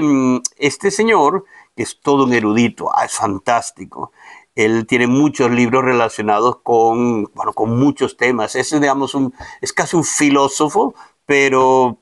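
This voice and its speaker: A man's voice: mid-range voice, no room sound, studio quality. A man hosting his own video, explaining casually in a chatty, digressive way. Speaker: video host.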